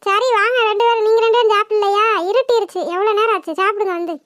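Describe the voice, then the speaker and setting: A woman's voice: very high voice, fairly even intonation, fast talker, a bit bright, no room sound, clean studio sound. A woman voicing a village aunt and mother in a cartoon, scolding the children yet caring for them. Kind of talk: cartoon voice acting.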